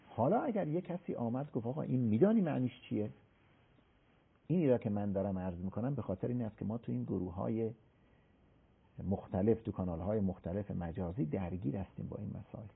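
A male religious scholar talking through an old text in an interview. His pitch rises and falls a lot as he acts out the people he quotes and recites scripture slowly. His voice is husky, and the sound is thin and phone-like. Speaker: religious scholar explaining hadith.

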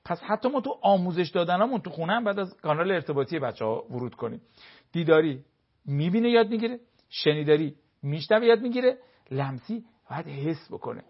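A man's voice: on the high side, husky, dull audio. A man speaking as a family counselor, explaining with everyday household examples and briefly acting out what spouses say. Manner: lively, acts out spouses' remarks in quotes.

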